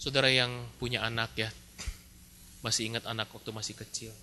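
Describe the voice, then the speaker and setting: A man's voice: medium pitch, fairly quick, a little hiss or hum. A male pastor from Indonesia giving a sermon in a church, chatty and full of rhetorical questions. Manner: lively, conversational preaching with rhetorical questions.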